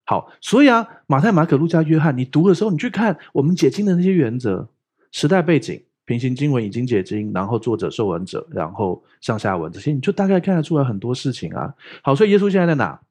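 A man preaches a sermon. His pitch leaps up and down as he jokes and tells stories, and his voice is slightly husky. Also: fast talker. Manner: playful, joking, animated storytelling. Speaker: pastor. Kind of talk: lively sermon teaching.

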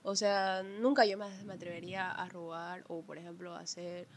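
A woman, a podcast guest chatting casually and telling animated stories about her family. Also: lowish voice, moderate pace, slight background noise. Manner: animated storyteller who acts out family members' voices. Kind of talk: casual conversation.

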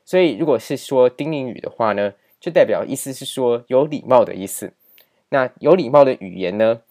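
Man, language teacher, patient, repetitive, mid-range pitch, slide lesson. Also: darkish tone. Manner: patient, repetitive, frequent filler particles. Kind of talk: explaining grammar over slides.

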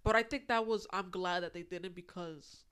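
A woman's voice: lowish voice, moderate pace, clear, resonant tone. A woman hosting a casual podcast chat, code-switching freely and filling her talk with "like". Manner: relaxed code-switching with frequent "like" fillers. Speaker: podcast host.

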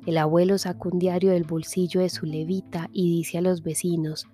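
A woman giving a soft, measured literary reading that sometimes drops to a whisper. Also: on the low side, little pitch movement, slightly rough, faint music behind. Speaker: reader.

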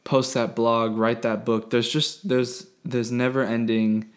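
Monotone young man rambling on his podcast. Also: medium pitch, a little slow. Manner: rambling, self-deprecating, many fillers. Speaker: podcast host. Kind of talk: casual solo podcast. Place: bedroom at home.

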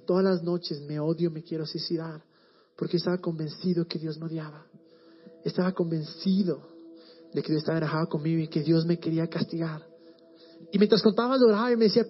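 A young man preaching a sermon, earnestly telling a personal story and quoting people softly. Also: high voice. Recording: dull lo-fi sound, faint music.

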